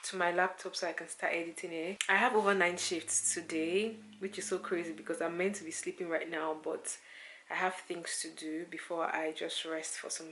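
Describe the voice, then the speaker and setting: A woman's voice: lowish voice, flat delivery, normal speed, fairly bright tone, a little hiss or hum, rough recording. A woman vlogger chatting casually to her viewers, with informal, emphatic and repetitive wording.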